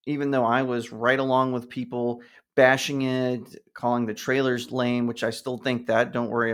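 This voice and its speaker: A man talking casually to camera, giving his opinions on films and telling an anecdote in an animated way. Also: mid-range voice. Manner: animated storytelling, acts out other people with a raised voice. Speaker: YouTube commentator.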